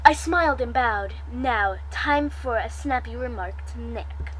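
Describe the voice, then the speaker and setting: A young woman reading her fanfiction aloud in an animated, giggly way, often stumbling over her words. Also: a little high, measured pace, rough recording. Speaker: fanfiction reader and vlogger.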